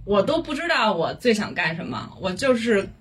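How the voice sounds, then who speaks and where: Appearing as a guest, a Beijing-born visual artist talks informally with a colloquial Beijing accent with some mixed influences. Her medium-pitched, slightly rough voice swings widely in pitch at a normal pace, over faint background noise and room ambience.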